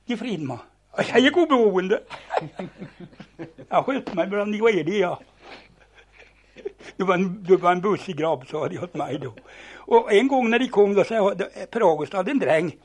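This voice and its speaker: An older man with a husky, slightly high voice spins old yarns, switching into the voices of the people in his stories. He stumbles over words and starts sentences again as he talks. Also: long pauses. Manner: animated yarn-spinning, acting out dialogue, repeats and restarts words. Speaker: storyteller. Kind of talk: spoken reminiscence, telling old anecdotes.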